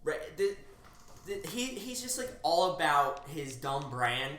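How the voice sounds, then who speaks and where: Halting, filler-heavy male co-host. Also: fairly high pitch, sing-song, fairly bright tone, roomy sound, a little hiss or hum. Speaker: podcast co-host. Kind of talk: casual comedic chat.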